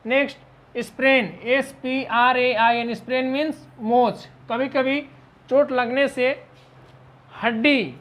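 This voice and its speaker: A woman teaching English vocabulary, spelling each word out letter by letter and explaining its meaning in a steady, patient way. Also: sits high, takes it slowly. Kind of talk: vocabulary lesson.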